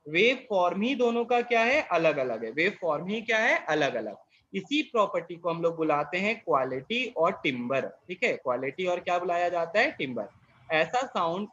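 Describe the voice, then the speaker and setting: A man's voice: high voice, a bit bright, dull audio, slight background noise. A male physics teacher lecturing a class, explaining and then asking and answering his own questions. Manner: reads English definitions slowly, word by word.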